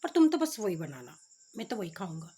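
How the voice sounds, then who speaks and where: A woman voicing a simple, forgetful village man who pleads and whimpers, with a husky voice. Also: medium pitch, sing-song, brisk, warm tone. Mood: insistent.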